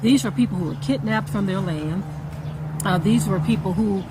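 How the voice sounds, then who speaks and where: A woman's voice: mid-range voice, normal speed, heavy background noise. A woman in casual conversation, telling a personal story in an earnest, emphatic way. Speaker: co-host.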